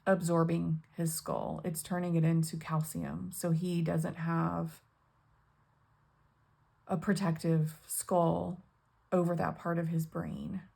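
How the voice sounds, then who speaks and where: An older woman talks slowly to her viewers in a casual vlog, stopping often with ums and pauses. Her voice is low and gravelly, with a flat, even pitch. She sounds close to tears. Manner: halting, with many ums and pauses. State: tearful, on the edge of crying. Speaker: budgeting channel host. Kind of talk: casual personal vlog talk.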